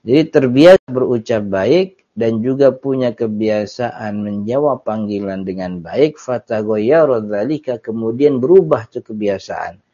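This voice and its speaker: In a dull, lo-fi recording, an Islamic religious teacher with a medium-pitched, mellow voice leads a relaxed study session. He works through Arabic text one phrase at a time, chatting and laughing lightly.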